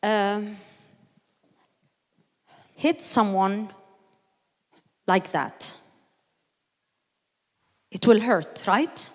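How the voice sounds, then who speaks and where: A woman's voice: medium pitch, extremely slow, pauses often. A woman gives a conversational teaching talk to a group, taking her time over each point. She acts out quoted voices and turns to the room with questions. Her voice carries a long reverb from a church hall. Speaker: speaker leading a workshop.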